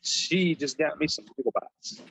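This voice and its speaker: A man co-hosting a podcast, chatting casually in a joking, deadpan way. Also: fairly high pitch, unhurried, creaky, husky. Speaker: podcast co-host. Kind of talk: casual chat. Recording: dull lo-fi sound.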